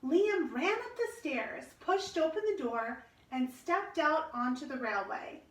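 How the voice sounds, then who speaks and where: A woman reading a children's storybook aloud in an expressive, measured storytelling manner. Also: high voice. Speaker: storybook reader. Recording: roomy echo, distant microphone.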